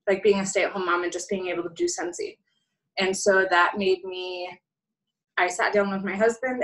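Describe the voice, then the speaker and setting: A woman's voice: medium pitch, fairly bright tone, low-quality recording. A woman on a group video call, talking casually with many ums about her plans as a consultant.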